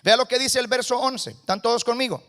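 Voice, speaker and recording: Costa Rican male guest preacher, high pitch, call-and-response sermon in a church. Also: brisk. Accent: Costa Rican Spanish. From Costa Rica. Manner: calls for congregation responses, shifts between loud and hushed. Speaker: guest pastor. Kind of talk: lively Spanish sermon. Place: church sanctuary.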